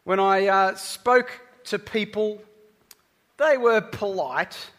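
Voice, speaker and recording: His voice sits high and fairly bright, and he takes his time. The man, who has an Australian accent, is preaching a sermon and chatting with the congregation, captured in an echoing church hall.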